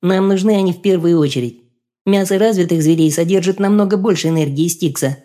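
Nerozhdenny, a man voicing a squeaky mutant infant. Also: a little fast, natural voice. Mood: detached. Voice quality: squeaky, piping. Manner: flat, detached, terse. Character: eerie mutant infant creature, squeaky thin childlike voice. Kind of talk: audiobook character voice.

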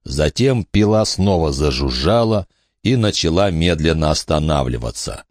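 A man narrates a horror audiobook in a low, deep voice with a lively, expressive pitch. The recording is dry and close, with no room echo. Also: normal speed. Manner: expressive dramatic storytelling.

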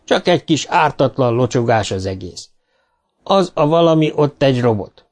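A man voicing a burly, swaggering spaceship sailor in an audiobook, gruff and mocking. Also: medium pitch, expressive, a little mellow, pitched above the performer's own voice, lightly acted. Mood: threatening.

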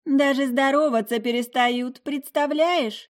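A woman's voice: medium pitch, expressive, normal speed, voice pushed up, natural voice. A woman voicing a vain mermaid who drawls her words in a sing-song.

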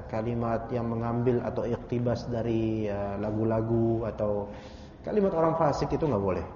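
Man giving a religious lecture, animated and jokey, lots of asides to the crowd, mellow voice, echoey hall, dull lo-fi audio. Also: mid-range voice, a little hiss or hum. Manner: animated, joking, rhetorical asides. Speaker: Islamic religious teacher. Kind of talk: Islamic study lecture.

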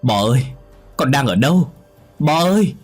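A man voicing a frantic young mother who shouts and cries out for her missing son in a spoken horror story. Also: sits low, quick pace, breathy edge, faint music behind. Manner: crying, shouting out.

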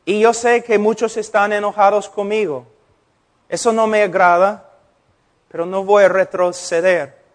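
A man's voice: sits high, fairly even intonation, measured pace. A middle-aged man preaching a sermon as a pastor, impassioned and acting out conversations in shifting voices.

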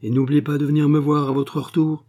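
Guy doing a high shrill scheming lady spy, pushy and loud, husky underneath. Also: little pitch movement, brisk, lightly acted. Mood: wheedling. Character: scheming foreign woman spy, brazen and wheedling.

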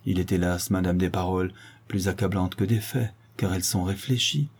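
A man's voice: deep voice, fairly even intonation, a little fast, darkish tone, breathy edge. A man reading an audiobook, voicing a young nobleman who answers his mother in a cold, restrained and solemn way. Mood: stern. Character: grave, stern young nobleman, a shamed son.

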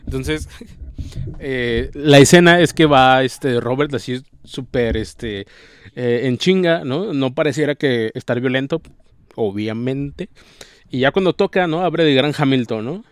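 A book discussion host with a Mexican Spanish accent casually retells a novel's plot, rambling in a slangy, informal way and tagging nearly every phrase with a question. His voice is medium-pitched, smooth and a little slow, with no echo.

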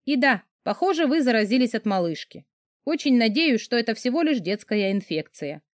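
A woman reading an audiobook, voicing a sharp-tongued young woman who speaks in a quick, teasing, mock-sympathetic way. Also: fairly high pitch, big pitch swings, dry recording, studio quality, voice pushed up. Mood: prim. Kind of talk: audiobook character voice.

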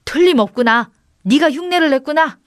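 A woman's voice: mid-range voice, normal speed, a little mellow, dry recording, clean studio sound, lightly acted. A woman voicing a poor, kind young woodcutter who talks earnestly and exclaims aloud.

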